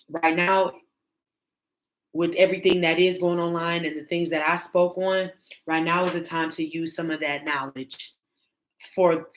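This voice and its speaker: A woman of thirty with a low voice talks casually as a tarot reader. She hesitates a lot, with many fillers and restarts as she works through her thoughts. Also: low-quality recording. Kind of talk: casual spiritual vlog chat.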